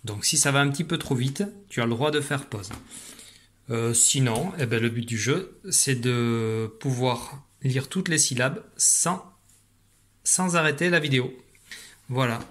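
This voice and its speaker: This man's voice is medium in pitch, a little slow, and fairly bright, with slight background noise. He's a primary school teacher giving young children a reading lesson over video from his home computer, explaining patiently and offering encouragement.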